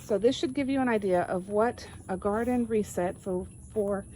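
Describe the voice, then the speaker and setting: A woman's voice: medium pitch, moderate pace, warm tone, a little hiss or hum, poor audio. A woman from East Texas walking through her backyard garden, explaining step by step in a plain, casual way. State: out of breath. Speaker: home gardener. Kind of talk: casual walk-through narration.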